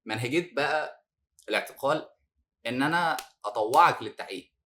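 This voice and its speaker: A man with an Egyptian accent, a former detainee telling his story as a podcast guest, animated and laughing now and then. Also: medium pitch, fairly quick, slight background noise. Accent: Egyptian Arabic. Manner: animated, laughs while recounting hardship.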